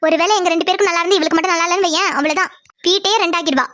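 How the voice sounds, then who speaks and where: A woman voicing young female cartoon characters, lively and full of questions. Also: extremely high pitch, racing. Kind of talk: Tamil cartoon voice acting.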